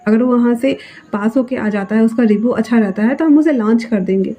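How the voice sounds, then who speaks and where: A woman's voice: fairly high pitch, fairly quick, warm tone, natural voice. A woman doing a stammering, shy young scientist. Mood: earnest. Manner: stammering, hesitant. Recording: dull lo-fi sound.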